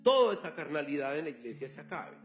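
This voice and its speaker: A man's voice: on the high side, very animated, fast talker, a bit bright, faint music behind. A male pastor preaching a sermon, telling a story and acting out the dialogue. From Colombia.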